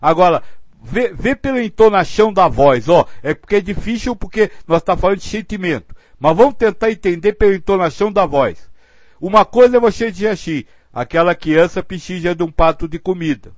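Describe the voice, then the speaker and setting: A man's voice: high voice, expressive, brisk, no room sound. A man giving earnest spiritual guidance, explaining points patiently and acting out example phrasings. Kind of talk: spiritual teaching talk.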